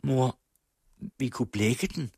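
A man's voice: medium pitch, vocal fry, warm tone, slightly rough, no room sound, clean studio sound, voice pushed up. A man voicing a thoughtful young daughter in a radio reading of a novel. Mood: gentle.

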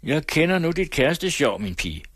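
A man voicing a blunt, scornful young farmhand who speaks gruffly. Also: on the high side, big pitch swings, a bit bright, no echo, clean studio sound, pitched above the performer's own voice. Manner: gruff and curt.

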